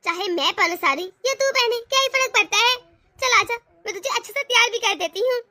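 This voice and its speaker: A gentle young sister-in-law soothes and indulges, voiced by a woman. The voice is very high and bright. It is a homemade family drama with a dry, close sound. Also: lively intonation, fairly quick, dry recording, heavily acted. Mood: soothing.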